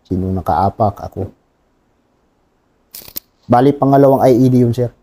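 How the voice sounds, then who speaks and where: A Filipino man in his thirties, a wounded soldier telling his war story in an interview, talking plainly and haltingly and often adding a polite "sir". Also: medium pitch, dark tone. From Philippines.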